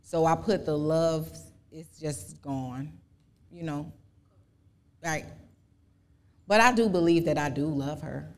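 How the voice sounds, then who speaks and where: A woman in her forties answering audience questions as a podcast guest, speaking earnestly with halting restarts. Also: deep voice. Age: 40s. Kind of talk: live podcast Q&A, personal testimony.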